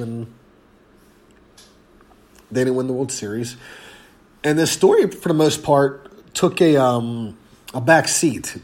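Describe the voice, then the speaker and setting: A man hosting a casual sports podcast, congested and hoarse, rambling and halting with fillers. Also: mid-range voice, darkish tone. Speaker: podcast host.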